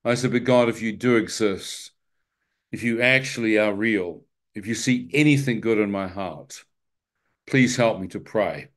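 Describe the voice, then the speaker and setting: Man preaching his testimony; a lively storyteller with wry asides who acts out his own prayers. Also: on the low side, a little slow. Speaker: speaker telling his testimony to a church audience. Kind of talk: testimony sermon.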